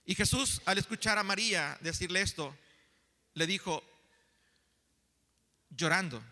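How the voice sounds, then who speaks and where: High bright-voiced preacher in a reverberant church. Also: male voice. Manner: preaching with rising emphasis and slow dramatic pauses. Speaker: pastor. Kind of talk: sermon. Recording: long reverb of a church hall.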